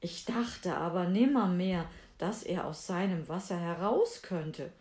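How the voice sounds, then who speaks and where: A woman's voice: on the low side, unhurried, a little mellow, lightly acted. A woman voicing a spoiled young princess in a fairy tale reading, eager and pleading, in a roomy echo. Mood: frightened.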